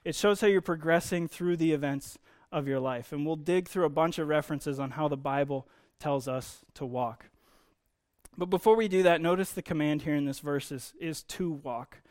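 This is an informal, conversational sermon from a man whose voice is fairly high, as he explains Bible teaching and leans on key words for emphasis.

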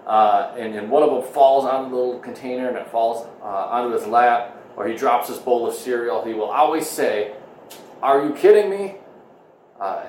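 A man in his thirties, a pastor giving a conversational sermon and prayer streamed online from home, pausing often with "uh". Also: mid-range voice, darkish tone, far from the mic, slight background noise. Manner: conversational, full of "uh" fillers. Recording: echoey room.

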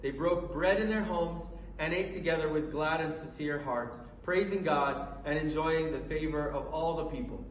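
A man from Colorado, USA preaches a sermon in a fairly high voice, earnest and halting, full of fillers and restarts. He's recorded far from the mic in an echoey room, with faint background noise.

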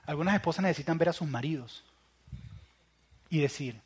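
A male pastor preaching a sermon in an emphatic, repetitive way, dropping to soft, hushed lines for emphasis. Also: fairly high pitch, brisk, breathy edge.

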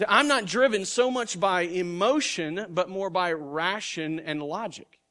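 A middle-aged pastor preaches a sermon earnestly and conversationally, often restarting his words. His high voice sounds pushed and bright, and he speaks a little slowly.

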